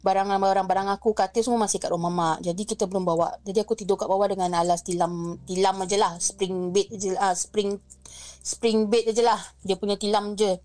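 A young woman telling her own ghost story in casual chat, lively, acting out each person's lines and slipping English phrases in. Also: medium pitch, brisk, no echo. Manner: lively, acts out the other people's lines, mixes in English phrases. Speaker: guest sharing a ghost story.

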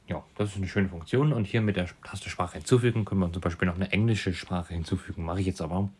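A man casually explaining computer settings in a tutorial, relaxed, with some fillers. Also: low voice, fast talker, slightly rough. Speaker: tutorial presenter. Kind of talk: casual screen recording tutorial.

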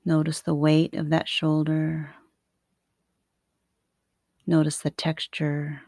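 A woman guiding a sleep meditation like a sleep story narrator, soothing and unhurried, with long pauses between short phrases. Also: low voice, completely flat delivery, a little mellow, no echo, clean studio sound. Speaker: yoga nidra meditation teacher.

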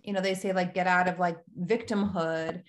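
A woman's voice: fairly low pitch, fairly even intonation, normal speed, slight background noise, poor audio. A woman hosting a casual podcast interview, talking in a hesitant, searching way full of fillers. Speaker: podcast host.

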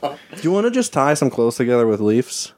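A man's voice: mid-range voice, sing-song, a little fast, darkish tone. A man chatting casually as a player in a tabletop game, with crude, joking banter. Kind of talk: casual chat.

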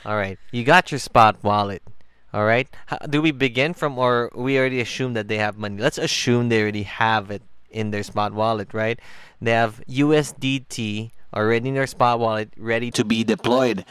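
A man's voice: mid-range voice, normal speed, fairly bright tone, clean tone, no echo. Playful joking man in casual chat. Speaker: co-host.

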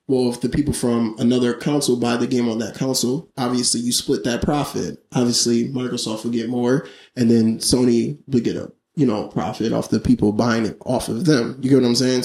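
A man co-hosting a casual podcast chat, telling stories in an animated way and often repeating his words. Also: medium pitch, reverberant. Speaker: podcast co-host.

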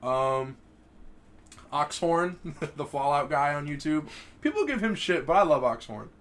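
A young man in casual podcast chat, relaxed and laughing easily, with lots of "like" fillers. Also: on the high side, measured pace. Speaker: podcast co-host.

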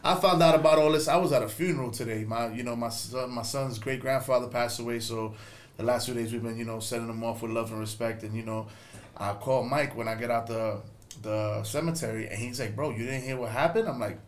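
A man hosting a podcast, telling stories in a quick, animated, slangy way with plenty of swearing. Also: medium pitch. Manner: animated storytelling, profane, slangy. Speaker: podcast host. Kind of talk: casual podcast chat.

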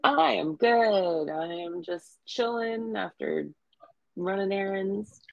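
A woman's voice: medium pitch, expressive, slow pace, creaky, muffled recording, a crowd in the background. A woman in her forties co-hosting a podcast in casual chat, talking freely with fillers and easy laughs. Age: 40s. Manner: chatty, laughs easily, many fillers. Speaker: podcast co-host.

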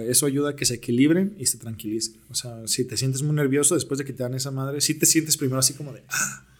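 A young man with a Mexican accent, a podcast guest telling stories in slangy, laid-back talk. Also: medium pitch. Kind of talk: casual storytelling interview.

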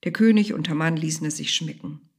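A woman's voice: deep voice, a little fast, husky. A woman narrating a storybook tale expressively, sometimes dropping to a whisper.

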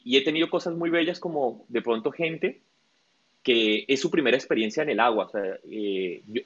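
A man's voice: mid-range voice, a bit bright. A man, a guest coach in a casual interview, telling stories and acting out what people said. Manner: tells stories with acted-out quotes. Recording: dull lo-fi audio.

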